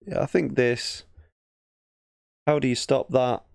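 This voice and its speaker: A chess streamer from England with an English accent gives casual commentary, thinking aloud and often muttering half-finished thoughts. His mid-range voice is slow and creaky, recorded dry at studio quality.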